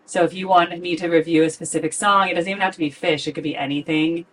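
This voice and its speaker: Low-voiced woman voice teacher, chatty. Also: steady tone, fast, distant mic, slight background noise. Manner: candid, chatty, analytical, heavy use of "like". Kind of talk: casual reaction commentary.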